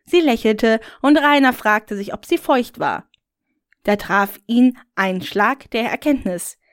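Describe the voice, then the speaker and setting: A woman reading a story aloud in a flat, unhurried amateur style. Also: on the high side, no echo, clean studio sound. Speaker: story reader.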